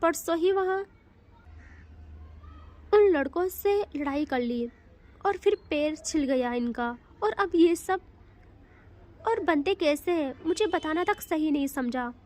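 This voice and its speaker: Woman narrator voicing a young wife, tender-hearted, pleading, rapid questions, high voice, audio story. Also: lively intonation, a little mellow. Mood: hurt.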